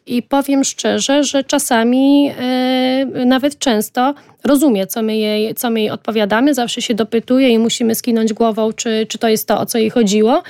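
Higher-pitched, flat-toned mother. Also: moderate pace, hardly any pauses, dry recording, clean studio sound. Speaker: mother of a young child. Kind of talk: interview answers.

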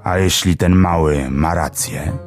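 A man voicing a big sleepy bear in a children's storybook, musing slowly with drawn-out hums. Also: low voice, soft background music. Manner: slow, humming, drowsy musing. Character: big sleepy male bear, slow and pondering. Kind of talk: storybook reading.

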